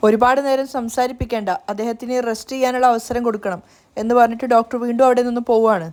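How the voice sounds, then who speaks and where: A woman narrates a TV serial episode in a quick, chatty retelling. Her voice sits slightly high, and she reads the characters' dialogue in her own plain delivery. The words come fast and keep moving. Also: steady tone, darkish tone.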